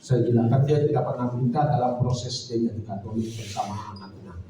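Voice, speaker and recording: A male pastor preaches, sharing a personal story earnestly and reflectively in a deep, dark, mellow voice at a slightly fast pace. Recorded from a distance off the mic, his voice rings through a very echoey hall over faint ambience with a little hiss or hum.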